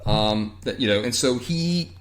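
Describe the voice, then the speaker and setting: A man's voice: medium pitch, expressive, unhurried. A man hosting a podcast, casually recapping a TV episode in a loose, profane way with lots of fillers. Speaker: podcast host.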